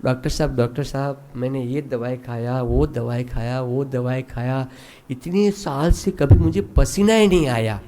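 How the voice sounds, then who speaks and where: Low, hushed and pleading, a timid man frets to his doctor as a male preacher plays him in a story. His voice is clear and resonant, set higher than most men's. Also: animated, unhurried, few pauses. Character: timid man, complaining he never sweats.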